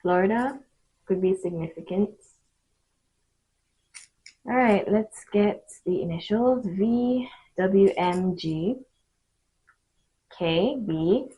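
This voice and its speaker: A woman giving an improvised mystical tarot reading straight to the viewer, speaking in short, halting phrases with pauses between them. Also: mid-range voice, dark tone, husky, rough recording. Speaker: tarot card reader hosting readings.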